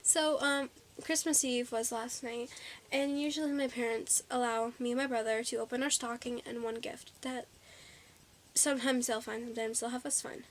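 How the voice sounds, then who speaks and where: In this casual haul vlog, a teenage girl speaks at a moderate pace in a voice on the high side with a steady tone. She sounds bubbly and a bit out of breath, sprinkling in lots of ums and likes, and there's slight background noise.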